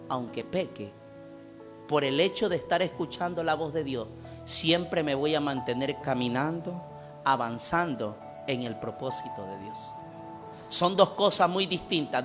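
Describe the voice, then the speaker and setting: A man preaching a sermon as pastor in a church, impassioned, swinging from loud calls to hushed appeals. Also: fairly high pitch.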